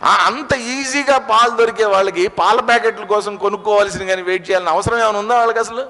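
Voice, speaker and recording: High, bright-voiced male spiritual teacher. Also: quick pace. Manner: explains pronunciation, asks the audience rhetorical questions. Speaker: Gita discourse teacher. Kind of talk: spiritual discourse with slow scripture chanting. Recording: long hall reverb.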